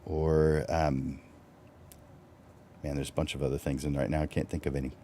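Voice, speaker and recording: Very low-voiced male host. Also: normal speed, a little hiss or hum. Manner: relaxed, conversational, with fillers and restarts. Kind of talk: live-stream teaching talk.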